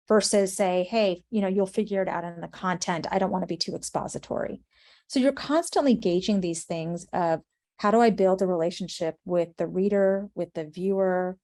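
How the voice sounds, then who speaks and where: An American screenwriter and playwright, appearing as an interview guest, gives thoughtful answers about her writing. She has a warm, medium-pitched voice and an earnest, reflective manner.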